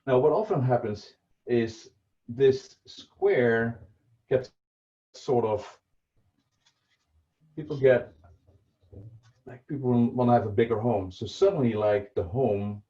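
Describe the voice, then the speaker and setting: Speaking slowly and pausing often, this middle-aged personal finance presenter from the Netherlands has a warm, mid-range voice and a Dutch accent. He talks through budgeting in a relaxed livestream, stumbling over fillers and restarts, heard via muffled, lo-fi video call audio.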